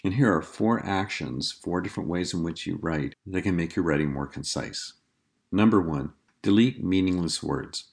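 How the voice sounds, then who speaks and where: A man with a very low, deep voice gives a writing lesson. He explains each technique patiently and reads example sentences aloud in a measured, instructive way. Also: gravelly, a little mellow. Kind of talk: scripted lecture on writing.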